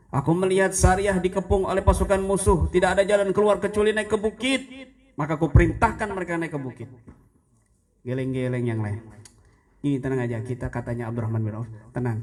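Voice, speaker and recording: A man preaching a religious sermon to a congregation, playful and lively, acting out phone sounds and quoted voices. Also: medium pitch.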